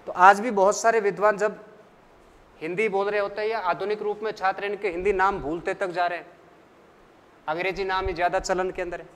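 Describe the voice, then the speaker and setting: A man teaching a lesson, asking the class questions and answering them himself in a slow, deliberate way. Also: high voice, level tone, fairly bright tone, in a large hall. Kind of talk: classroom lecture.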